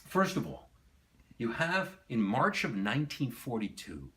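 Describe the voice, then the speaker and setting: With a mid-range, pushed and bright voice that swings widely in pitch, this middle-aged collector unhurriedly recounts a tale about something in his library to a visitor, voicing each quoted character.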